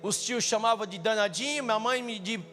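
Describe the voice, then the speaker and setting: A young Brazilian man with a Brazilian Portuguese accent preaching a jokey, animated sermon full of personal stories, sometimes rising to shouts. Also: sits high, a little fast. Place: church stage with live audience. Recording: long hall reverb, faint music.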